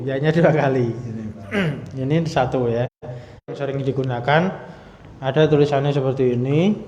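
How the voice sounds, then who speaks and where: A man teaching Arabic grammar at a mosque study class, explaining step by step and clearing his throat often. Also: fairly high pitch, slight background noise. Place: mosque hall. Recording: roomy, echoey hall, dull lo-fi sound.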